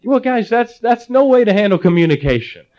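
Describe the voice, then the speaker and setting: A man's voice: high voice, brisk. A middle-aged male pastor from Ohio preaching a sermon, telling stories with jokey asides. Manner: animated storytelling, jokey asides. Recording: slightly dull lo-fi audio.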